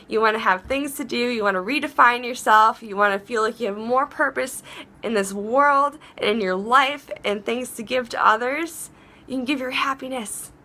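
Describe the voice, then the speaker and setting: A woman hosting a casual advice vlog, chatty and rambling, often restarting her sentences, and warm and encouraging toward her viewers. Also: fairly high pitch. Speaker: vlog host.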